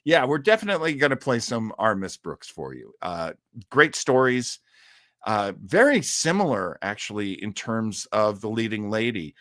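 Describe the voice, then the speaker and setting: This middle-aged man hosts a live stream for an old-time radio show, his fairly low, fairly bright voice very animated at a normal speed. Recorded dry and clean in a studio, he chats casually and reads viewer comments in a rambling, enthusiastic style, hesitating often.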